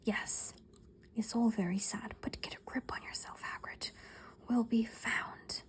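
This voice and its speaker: A woman voicing a stern, brisk older female professor with a British accent, in a hushed whispered role-play. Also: a little high, fairly even intonation, lightly acted.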